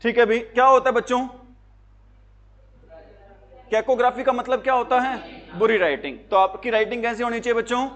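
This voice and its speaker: पुरुष शिक्षक, ऊँची आवाज़, परीक्षा-तैयारी पाठ, बार-बार सवाल पूछकर खुद जवाब देता, मज़ाकिया किस्से. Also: male voice, extremely high pitch, moderate pace, long pauses, fairly bright tone. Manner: call-and-response questioning, answers his own questions; jokey, tells anecdotes. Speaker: teacher. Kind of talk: exam-prep lesson.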